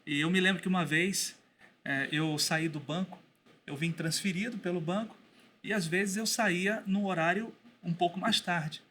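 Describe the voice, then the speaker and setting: Guy on a podcast, kinda high and bright, thinks out loud with restarts, bit of faint hiss. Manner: thoughtful, pauses and restarts. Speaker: guest, Bible school teacher. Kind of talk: casual podcast conversation.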